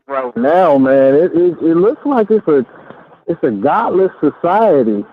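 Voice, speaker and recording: A man calling in to a radio show, talking haltingly with many restarts while his phone line breaks up and cuts out. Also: on the high side, lively intonation, no echo. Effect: breaking-up phone line, cutting out. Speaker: caller. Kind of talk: call-in radio talk. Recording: tinny dry phone line.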